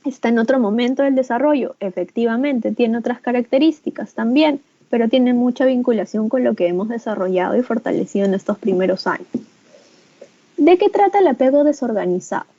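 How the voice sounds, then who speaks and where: Peruvian woman teaching in a warm tone. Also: lively intonation, fairly quick, dry recording, lo-fi sound. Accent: Peruvian Spanish. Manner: explanatory, with frequent "¿no?" tag questions; acts out caregiver phrases in a higher, livelier voice. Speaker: teacher trainer. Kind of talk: online teacher training lecture. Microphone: video call.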